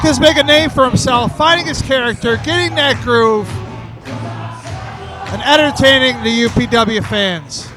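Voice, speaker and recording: Guy shouting wrestling commentary, really high voice, loud music and crowd behind him. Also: a little slow, low-quality recording. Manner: shouted, projected delivery. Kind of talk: live match commentary.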